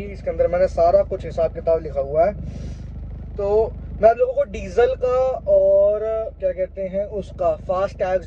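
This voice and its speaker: Young man, high-pitched voice, casual travel vlog, chatty, explains step by step, dull audio, faint background noise. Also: mellow. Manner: chatty, explains costs step by step, mixes Hindi with English. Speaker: travel vlogger. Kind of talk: casual vlog talk to camera.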